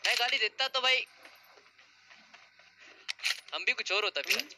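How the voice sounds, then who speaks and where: A man's voice: very high voice, unhurried, heavy background noise. A young man streaming a mobile game, arguing insistently over voice chat and repeating himself to make his point.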